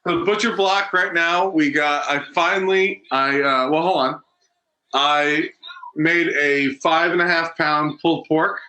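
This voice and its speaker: A man's voice: on the high side, steady tone, measured pace, sharp tone, poor audio. A man co-hosting a casual watch-along podcast, rambling with many fillers and restarts. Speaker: podcast co-host. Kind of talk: casual chat.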